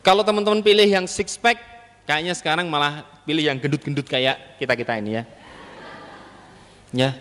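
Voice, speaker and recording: A man delivers a humorous sermon. He teases and jokes with the audience. His voice sits high and rings out in a large hall with a long reverb tail. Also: moderate pace, long pauses, a bit bright. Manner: joking, playful, teasing the audience. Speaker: Islamic preacher.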